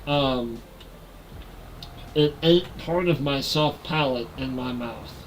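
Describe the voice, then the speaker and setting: A nasal-voiced man in his forties plays a game on live stream and chats relaxedly with viewers through a headset mic. He speaks slowly at medium pitch, with a little hiss or hum on the audio.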